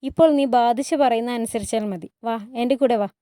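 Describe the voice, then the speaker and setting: A woman voicing a calm, persuasive male palace servant who speaks in a coaxing way in a story retelling. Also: fairly high pitch, moderate pace, no room sound, studio quality, natural voice.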